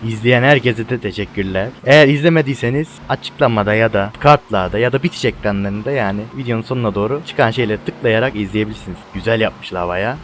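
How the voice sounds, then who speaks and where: A man giving casual, excitable gameplay commentary as a let's play gamer, swearing and talking to his viewers as friends. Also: medium pitch, a little hiss or hum.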